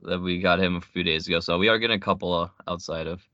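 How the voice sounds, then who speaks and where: A young adult man talking basketball on a radio chat, quick and matter-of-fact. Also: low voice, steady tone, sharp tone, dry recording. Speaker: guest. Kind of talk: casual sports radio chat. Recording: muffled lo-fi audio.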